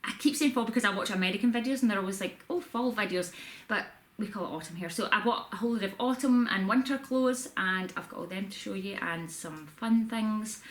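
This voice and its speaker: A woman's voice: mid-range voice, fast, hardly any pauses, a bit bright. A woman vlogging from a room at home, chatting casually and rambling a little with self-deprecating asides. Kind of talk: casual haul video chat. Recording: echoey room with faint background noise.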